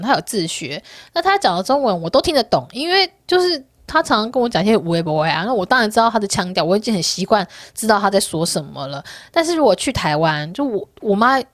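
Fast-talking lively woman vlogger. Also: mid-range voice, no echo, studio quality. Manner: laughs often, candid storytelling. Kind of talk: casual chat to viewers. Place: Korea.

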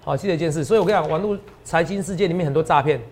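Male finance host, Taiwanese Mandarin accent, high voice, rapid and emphatic delivery. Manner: emphatic and repetitive, often ends lines with a tag question. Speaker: stock market analyst host. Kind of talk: animated market commentary.

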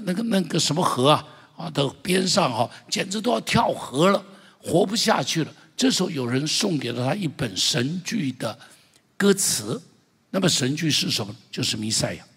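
Male pastor, middle-aged, fervent sermon style with loud calls to the congregation; raspy timbre, long hall echo. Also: on the high side. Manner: fervent preaching with loud exclamations, urging the congregation to repeat. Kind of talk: impassioned sermon. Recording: long church-hall reverb.

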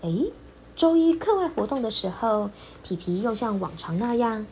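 A woman storyteller narrating a children's story. Her voice sits high and moves expressively through a wide range. The delivery is clear and lilting, with faint noise behind her. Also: very animated, moderate pace, mellow.

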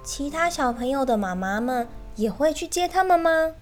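A woman teacher, reading a children's picture book in a gentle, sing-song way and speaking directly to the children. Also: sits high, animated, moderate pace, soft background music. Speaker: kindergarten storyteller teacher.

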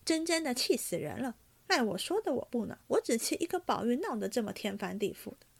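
A woman voicing a rash, hot-headed young nobleman who shouts in fast, angry bursts. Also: a little high, big pitch swings, gravelly, husky, full character voice. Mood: ranting.

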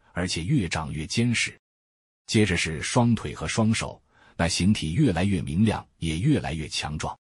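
Deep, very husky man reading aloud. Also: no room sound, studio quality. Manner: measured, literary. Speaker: reader. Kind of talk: first-person book reading.

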